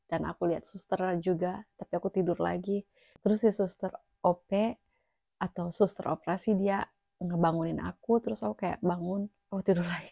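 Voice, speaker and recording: Low, husky young woman telling a story. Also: darkish tone, no room sound, studio quality. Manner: chatty, many fillers, drops to a near whisper at times. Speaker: vlogger telling her own story. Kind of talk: casual personal storytelling.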